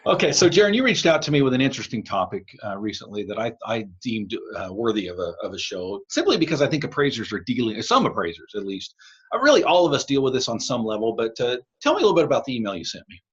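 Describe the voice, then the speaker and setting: A man's voice: mid-range voice, huge pitch swings, fast talker, fairly bright tone, slightly rough. Tinny-sounding American man hosting a podcast. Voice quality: tinny, as if in a tin can. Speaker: podcast host. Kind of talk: podcast hosting, casual talk. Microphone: laptop built-in microphone. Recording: tinny, muffled laptop microphone.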